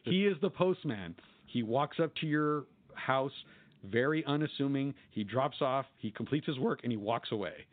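A man's voice: mid-range voice, lively intonation, moderate pace. A man co-hosting a podcast in casual chat, laughing often as he retells jokes he loves. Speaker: podcast co-host. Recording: phone-like narrow sound.

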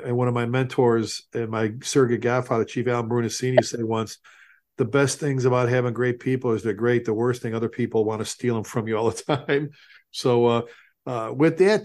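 A man with a medium-pitched voice hosts a podcast. He chats casually and rambles, often doubling back and repeating words before finishing a thought. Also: darkish tone. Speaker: podcast host. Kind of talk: casual chat.

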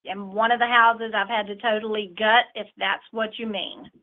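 A woman caller with a Southern accent speaks in a fairly high voice over a thin telephone line. She talks casually, as in an informal chat on a phone-in. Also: flat delivery, moderate pace. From southern United States.

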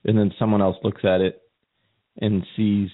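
A man's voice: fairly low pitch, little pitch movement, normal speed. Man, co-host, casual talk, rambling and self-repeating, tinny phone-like sound. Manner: rambling, repeats words while thinking aloud. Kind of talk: casual conversation.

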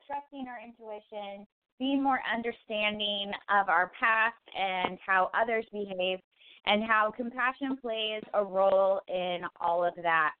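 A woman's voice: mid-range voice, dry recording. A woman co-hosting a casual online radio talk show, upbeat and friendly as she introduces her guest and asks questions. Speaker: co-host. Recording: phone-line call-in audio.

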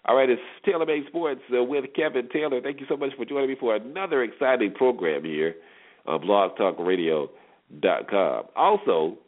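A man hosts a solo internet radio sports show, speaking in a mid-range, animated voice at a moderate pace. His commentary is informal, and he repeats phrases for emphasis. The audio sounds muffled and phone-like.

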